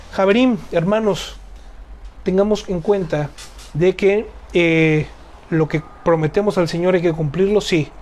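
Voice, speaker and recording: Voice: mid-range voice, a little mellow, a little hiss or hum. Earnest Bible study teacher. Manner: earnest, repeats phrases, asks rhetorical "¿no?".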